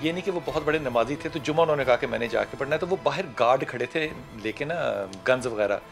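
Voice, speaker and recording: A man's voice: mid-range voice, fast, creaky, faint music behind. A man hosting a studio talk show, asking pointed questions and telling a story.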